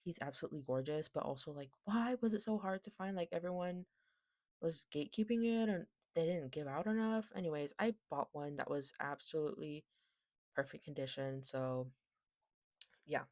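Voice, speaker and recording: A woman's voice: low voice, normal speed, a little mellow, dry recording, studio quality. A woman with a lisp that makes her s slushy, chatting casually and rambling, often interrupting herself. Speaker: vlogger, K-pop collector. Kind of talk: casual rambling haul chat.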